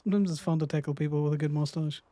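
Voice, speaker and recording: A man's voice: on the high side, fairly even intonation, very fast, mellow. A man with an Irish accent, teasing friends in casual gaming chat. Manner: teasing, joking banter.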